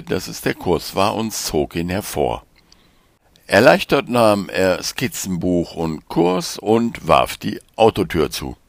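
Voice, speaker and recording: Low, slow-paced male audiobook narrator. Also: gravelly, no room sound. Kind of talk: scripted narration.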